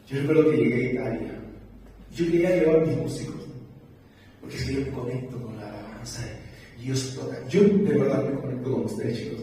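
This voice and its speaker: A man's voice: medium pitch, warm tone, a little hiss or hum. A man preaching a sermon, telling stories and calling his listeners brothers. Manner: storytelling, addresses listeners as brothers. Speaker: pastor. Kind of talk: sermon with anecdotes. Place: church hall. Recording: echoey hall, mic far off.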